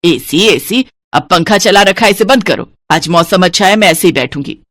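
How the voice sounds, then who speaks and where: A woman voicing a stingy, scheming older mother-in-law in a cartoon, bossy and scolding, in a low voice. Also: lively intonation, normal speed, fairly bright tone. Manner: penny-pinching, scolding, bossy. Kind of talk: cartoon voice acting.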